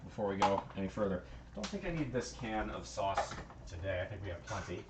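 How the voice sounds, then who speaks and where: This streamer's voice is low, with big swings in pitch, and he talks fairly quickly as he cooks indoors in his kitchen. He chats loosely with his livestream audience, swearing at times and counting aloud. The audio, captured on a handheld phone camera, is very noisy.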